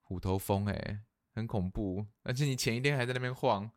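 A woman's voice: extremely low pitch, fairly quick, dry recording, studio quality. A woman with a Taiwanese Mandarin accent, chiming in supportively in casual chat as a co-host. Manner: supportive, chimes in to finish sentences.

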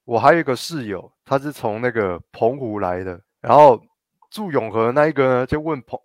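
A man's voice: mid-range voice, moderate pace, no echo, clean studio sound. A young man from Tainan with a Taiwanese Mandarin accent, telling stories in casual chat and acting out other people's lines. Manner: animated storytelling with mock-quoted voices.

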